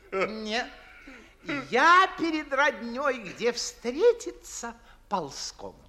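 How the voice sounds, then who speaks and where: In a 1950s radio verse comedy, an older man plays a fawning, garrulous Moscow gentleman, using an extremely high-pitched, full character voice and effusive theatrical declamation.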